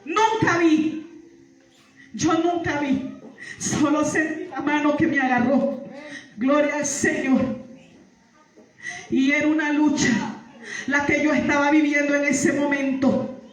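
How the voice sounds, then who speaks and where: The testimony giver's high voice sounds far away, bouncing around a very echoey church hall. Speaking slowly and steadily with frequent pauses, she repeats phrases and calls out praise, rising into fervent shouts.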